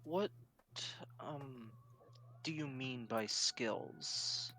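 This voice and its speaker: A man's voice: medium pitch, very slow, pushed and bright. A man chatting casually as a player in a tabletop game, speaking hesitantly. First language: English.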